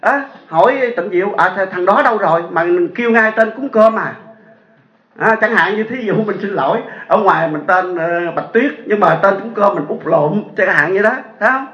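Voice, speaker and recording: Southern Vietnamese monk, high voice, chatty sermon storyteller, echoey lo-fi recording. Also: male voice, normal speed, a bit bright. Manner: chatty, asks the audience rhetorical questions. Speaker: Buddhist monk teacher. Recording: echoey dull lo-fi sound.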